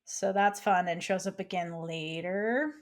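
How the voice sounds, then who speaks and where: With a mid-range, unhurried voice, a woman co-hosting a podcast chats casually about a TV episode. She retells what happened and performs the characters' dialogue along the way.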